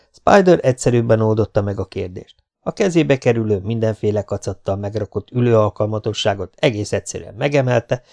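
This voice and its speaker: A man narrating an audiobook of a novel in a steady, measured way. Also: on the low side, creaky. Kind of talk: reading a novel aloud.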